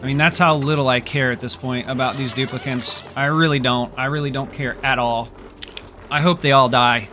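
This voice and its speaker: A man's voice: medium pitch, steady tone, moderate pace, bright, forceful tone, slight background noise. A man narrating his game as he plays, sarcastic and exasperated, grumbling at his characters. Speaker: gameplay streamer. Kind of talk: exasperated gameplay commentary.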